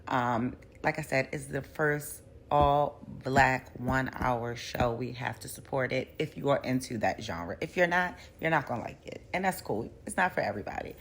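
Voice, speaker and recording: A woman giving a casual episode recap as a reviewer, a lively storyteller who acts out the characters' lines. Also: a bass voice, moderate pace, few pauses, a little hiss or hum. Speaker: TV show reviewer.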